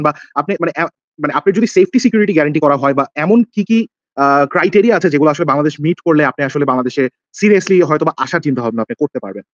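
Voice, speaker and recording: A man asks questions at a very quick pace, his voice a touch raised in pitch. His manner is polite and hedging, with frequent filler words. The audio sounds dull and dry, like a call. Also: no echo. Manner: polite, hedging, fills pauses with "mane" and "right". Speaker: interviewer. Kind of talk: casual interview questions.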